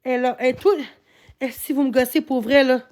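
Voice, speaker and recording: Québécois woman livestreamer, high voice, profane, repetitive rant with sudden yelling. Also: fairly even intonation, normal speed. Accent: Québécois French. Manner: swears constantly, rants and repeats herself; bursts into shouting. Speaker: livestreamer answering her chat. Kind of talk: live-stream rant.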